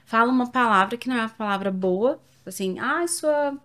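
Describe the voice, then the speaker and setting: A woman co-hosting a faith chat, expressive and quick to act out phrases. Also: medium pitch. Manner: expressive, acts out quoted phrases, laughs easily.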